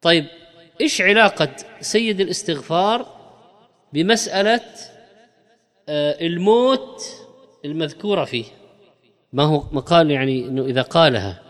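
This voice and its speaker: A man giving a religious lesson, explaining slowly and stretching key words for emphasis. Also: fairly high pitch, fairly bright tone, long reverb tail. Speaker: religious teacher.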